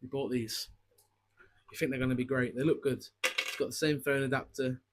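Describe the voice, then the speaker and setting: A young man co-hosting a casual podcast at home, ranting excitably and swearing constantly into a cheap mic. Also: medium pitch, moderate pace. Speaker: podcast co-host. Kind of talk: casual chat. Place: home room with garden furniture. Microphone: cheap budget mic.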